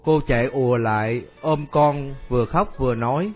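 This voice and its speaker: A man narrating a radio story in a steady storytelling manner. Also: medium pitch, normal speed, soft background music.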